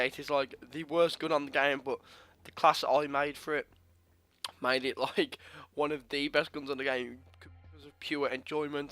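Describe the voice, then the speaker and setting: A gaming channel host, a young man with a slightly congested sore throat, casually walks through a game's class setup over the menus. He rambles, filling in with lots of fillers and restarting often. His voice is mid-range and a bit bright.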